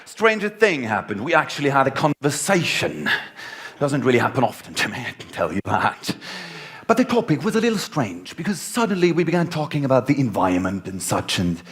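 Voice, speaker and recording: A man's voice: mid-range voice, big pitch swings, a little fast, a bit bright. A man giving a humorous contest speech on a conference stage, telling a comic story with big swings in his voice.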